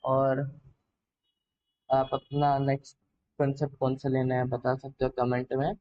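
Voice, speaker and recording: A man's voice: medium pitch, monotone, a little slow, dull audio. A man explaining a trading concept from his notes in a casual lesson, hesitant and full of filler words as he talks to the viewer. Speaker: trading learner sharing notes.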